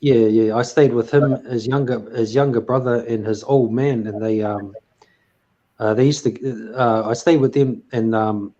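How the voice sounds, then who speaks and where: A man's voice: medium pitch, steady tone, measured pace, warm tone, dull audio. A man hosting a casual chat, rambling with lots of fillers and restarts. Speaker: host.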